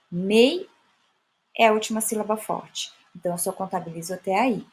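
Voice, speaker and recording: A woman teacher giving a classroom lesson on poetic meter, patiently explaining and stretching out example words slowly. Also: mid-range voice. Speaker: Portuguese teacher.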